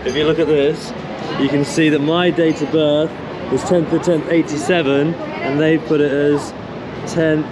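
A man's voice: a little high, little pitch movement, measured pace, over a noisy crowd. A man in his thirties with an English accent, chatting to a handheld camera as he walks through city streets and a busy public hall, explaining each step. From England. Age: 30s. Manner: chatty, explains steps to camera while walking. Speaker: vlogger. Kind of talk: casual travel vlog. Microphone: camera held at arm's length. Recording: background music.

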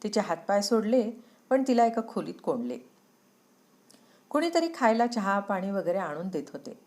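A woman's voice: medium pitch, sing-song, normal speed, darkish tone. A woman narrating a moral story in an earnest, dramatic way.

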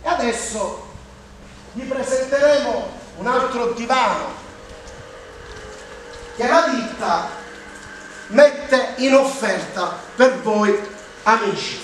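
A man, giving an emphatic, drawn-out infomercial sales pitch as a TV furniture salesman. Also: a bit bright. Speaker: TV furniture salesman presenting offers. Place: large indoor furniture showroom. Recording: echoey showroom, distant mic, faint noise.

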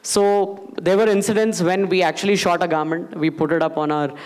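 A man's voice: high-pitched, fairly even intonation, a little fast, smooth. A man speaking as a panelist at a business conference, casual and explaining with everyday examples. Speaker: panelist, company managing director. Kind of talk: panel discussion. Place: conference stage in a large hall.

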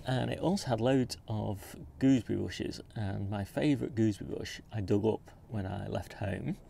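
Gravelly-voiced man giving a garden tour. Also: lowish voice, a little hiss or hum. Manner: relaxed, informative, pointing things out as he walks. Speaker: gardening channel host. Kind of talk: casual garden tour walkthrough. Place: outdoors in a back garden. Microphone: handheld phone camera.

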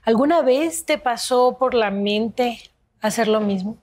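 A woman's voice: on the high side, unhurried, darkish tone. Woman TV host with a raised voice. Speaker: TV show host. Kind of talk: TV interview. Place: TV studio.

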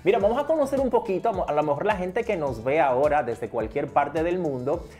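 A man hosting an interview, eager and quick in bursts, full of fillers and repeated words, on a lapel mic in a small studio. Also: fairly high pitch, animated, warm tone. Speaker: interviewer host. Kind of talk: casual interview. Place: small TV studio set, indoors.

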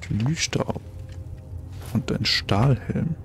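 A man's voice: mid-range voice, extremely slow, creaky, soft background music. A German man giving casual let's play commentary, chatty and thinking aloud, exclaiming over loot as he finds it.

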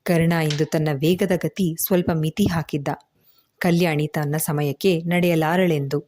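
A woman narrating a serialized novel as a storyteller, in steady literary style. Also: low voice, a little slow, a little hiss or hum. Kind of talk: scripted audiobook narration.

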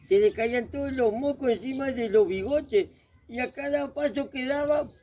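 A man telling a children's story, chatty and lively, asking the listeners questions. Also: very high voice, moderate pace, a little hiss or hum. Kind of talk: children's storytelling at a book fair.

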